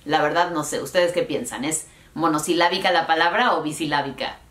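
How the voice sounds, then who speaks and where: A woman giving a playful, chatty online lesson on English pronunciation, modelling words slowly and laughing at herself. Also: deep voice, a bit bright, roomy sound. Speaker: English teacher.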